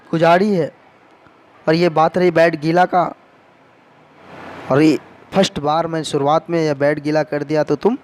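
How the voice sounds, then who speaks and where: A grieving old mother pleads with her son, her voice tearful and set fairly high. A man puts her on lightly as he tells a devotional story. The delivery stays close to a storyteller's own voice. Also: natural voice. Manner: tearful pleading quoted speech. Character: elderly mother, sorrowful and loving.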